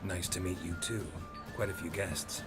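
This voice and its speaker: An actor playing a gruff middle-aged male monster hunter who speaks in short, dry lines in a video game. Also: low-pitched, fairly even intonation, normal speed. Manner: terse, dry. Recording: game audio over loud music.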